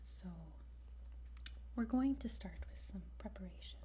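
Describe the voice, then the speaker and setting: Close to the microphone, a woman plays a gentle, patient guide at a dragon training centre in an ASMR roleplay. Her mid-range voice is a soft, breathy whisper, slow and halting with pauses, over faint background noise.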